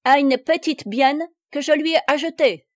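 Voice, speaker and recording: A woman's voice: high-pitched, moderate pace, pitched above the performer's own voice, natural voice. A woman voicing an old, wealthy male baron who speaks clumsy French with a put-on German accent. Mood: blunt. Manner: clumsy mangled French, blunt.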